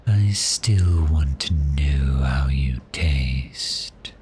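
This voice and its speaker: Teasing and amused, a man performs a predatory vampire in an exaggerated voice for an intimate ASMR roleplay, with slight background noise. Exceptionally low and breathy, his delivery often sinks to a half-whisper; he speaks extremely slowly, drawing out pauses as he toys with his prey with gentle menace.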